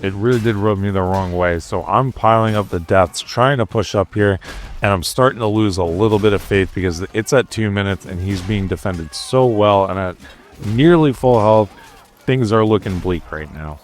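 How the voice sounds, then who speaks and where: Man, low voice, casual gameplay voice-over, tip-giving, conversational, young adult. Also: moderate pace. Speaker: gaming YouTuber narrating gameplay.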